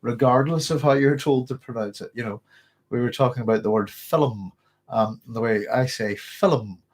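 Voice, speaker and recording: A man from Northern Ireland runs a casual live stream, talking and reading viewers' comments with a tickly, coughing throat. His medium-pitched voice keeps a moderate pace, and his talk rambles with frequent fillers and restarts.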